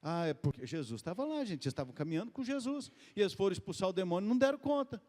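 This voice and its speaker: A man preaching to his congregation in a loose, conversational way, often lifting his voice and quickening. His voice sits fairly high for a man. The sound carries a long hall reverb from the church room. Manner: conversational, addresses the congregation as "queridos" and "gente"; lively, often rises in pitch and speeds up. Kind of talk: sermon.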